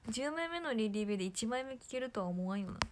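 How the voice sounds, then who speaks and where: A young woman with a hoarse throat chatting casually on a livestream, bubbly and chatty, often dropping to soft near-whispers. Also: on the high side, animated, quick pace, background noise. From Japan. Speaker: idol livestreamer.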